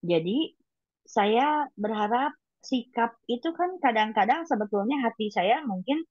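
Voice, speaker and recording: A woman giving an informal devotional teaching to colleagues, in a blunt and habitually loud, high-toned manner. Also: expressive, unhurried, no room sound, lo-fi sound. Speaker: devotional reading leader.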